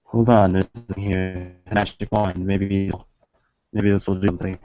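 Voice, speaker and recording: A man joining a casual video call as a guest, making dry, low-key remarks. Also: little pitch movement, normal speed, dark tone, no echo, dull audio. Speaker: guest, fellow cast member.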